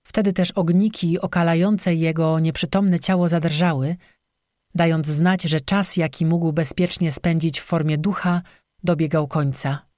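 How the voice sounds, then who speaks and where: An audiobook narrator reading a dark folk fantasy story in a steady, even way. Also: mid-range voice, unhurried, dry recording, clean studio sound.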